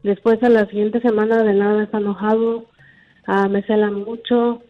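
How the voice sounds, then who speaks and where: A woman's voice: mid-range voice, little pitch movement, moderate pace. A woman phoning in to a radio show, casually and hesitantly explaining herself. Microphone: phone. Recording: dull phone-in line, music behind.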